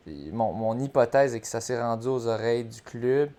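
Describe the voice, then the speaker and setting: A man with a Quebec French accent talking casually and speculating, haltingly, with repeated words. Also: medium pitch, expressive, mellow.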